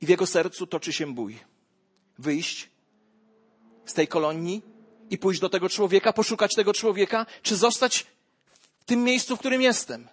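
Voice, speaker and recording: Male preacher, husky and fairly high, dramatic sermon storyteller. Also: normal speed, pauses often. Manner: dramatic storytelling, swinging from hushed to loud exclamations.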